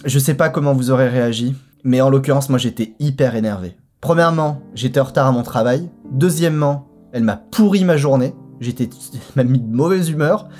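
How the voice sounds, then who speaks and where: A man telling a story in a casual vlog, lively and colloquial, and speaking straight to his viewers. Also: medium pitch, brisk, soft background music.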